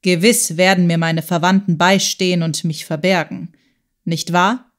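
Hörbuch-Rolle: eine Frau spricht einen gehetzten, flehenden Flüchtling, gedämpft und heimlichtuerisch. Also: female voice, lowish voice, flat delivery, a little slow. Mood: pleading. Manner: hushed and secretive, turning pleading. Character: frightened male fugitive, middle-aged, pleading.

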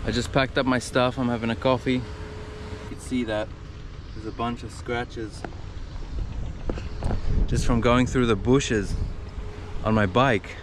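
A young man talking casually to his handheld camera outdoors for a travel vlog, relaxed and unhurried. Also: mid-range voice. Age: young adult. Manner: relaxed, unhurried, repeats himself. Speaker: travel vlogger. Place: outdoors on a seaside hill and in thick bushes. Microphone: action camera held close. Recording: outdoor camera audio with wind noise.

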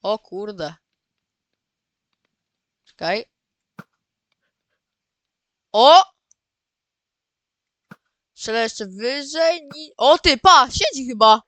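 A man giving casual, excitable gameplay commentary as the host of his own channel, often repeating words and calling out to his viewers. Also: very high-pitched, no echo. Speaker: gaming video host.

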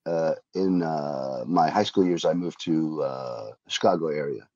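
A man's voice: very deep voice, unhurried, dry recording, lo-fi sound. A man from Long Island, a video game translator, talking casually as an interview guest with many fillers. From Long Island, New York. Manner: relaxed, hesitant with fillers, playful.

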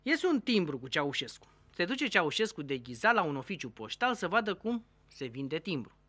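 A TV show host telling a string of jokes, animated, briefly putting on voices for the characters. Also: medium pitch, dry recording.

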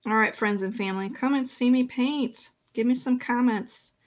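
A woman's voice: a little high, normal speed. Chatty woman teaching painting live. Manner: chatty, self-talking while working. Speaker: painting instructor. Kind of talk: casual live-stream painting lesson.

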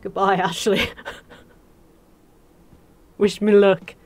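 A woman giving jokey, excitable let's play commentary, talking back to the game characters. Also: mid-range voice, extremely slow, slight background noise. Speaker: gaming channel host.

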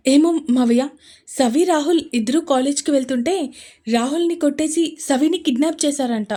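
Woman doing a young guy in a hurry, bossy and worried, high voice. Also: animated, moderate pace, lightly acted. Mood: urgent. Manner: urgent, commanding. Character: young man, protective and anxious.

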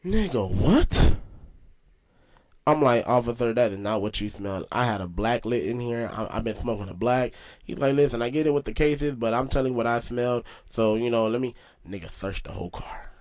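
A young man casually telling a story, slangy and animated, with lots of swearing. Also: medium pitch, fairly quick. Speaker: host.

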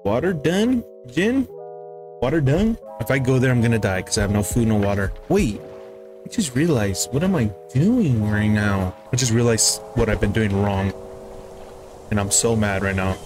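A young man giving casual, excitable commentary as he plays a video game, talking to himself about what he sees. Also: medium pitch, moderate pace. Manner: chatty and excitable, talks to himself while playing. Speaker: gaming YouTuber. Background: game music.

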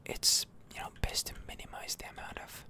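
Someone whispers ASMR commentary over a game, close to the mic, musing slowly and hesitantly.

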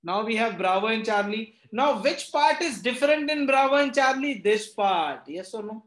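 High-voiced North Indian man teaching. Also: animated, normal speed, a bit bright. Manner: repeatedly checks understanding with short questions; mixes Hindi phrases into English. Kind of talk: interactive online reasoning lesson. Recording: roomy echo on the voice.

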